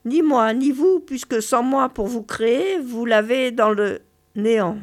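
A woman reading the part of a weary, deadpan male God who complains that he does not exist, in a dry literary reading. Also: fairly high pitch, measured pace, natural voice.

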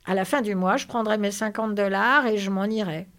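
A woman reading aloud and voicing a weary, protective working man who speaks in a flat, strained way. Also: medium pitch, brisk, close to an everyday voice.

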